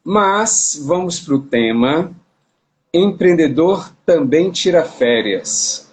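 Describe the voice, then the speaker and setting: A man's voice: on the high side, lively intonation, slow pace. A man from Brazil hosting a casual live-stream interview, talking in a chatty way with many restarts, recorded on a phone. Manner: chatty, repeats words and restarts. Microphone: phone on a live video stream.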